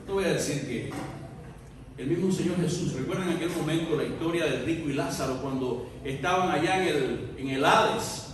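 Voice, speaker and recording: Spanish-speaking pastor preaching in an echoey hall. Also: male voice, a little high, normal speed, noisy background. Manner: swings from soft murmurs to loud shouted peaks; acts out biblical dialogue. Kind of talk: sermon. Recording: echoey hall recorded from far off.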